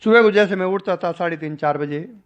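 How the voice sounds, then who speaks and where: An older man, a spiritual teacher, recounting a personal story in a discourse and acting out the dialogue with changing pitch and loudness. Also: a little fast. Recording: dull lo-fi recording.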